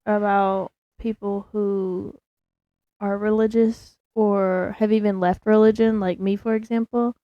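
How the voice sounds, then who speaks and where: A woman's voice: medium pitch, flat delivery, a little slow, no echo, muffled recording. A young woman co-hosting a casual podcast, speaking hesitantly and searching for words. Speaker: podcast co-host.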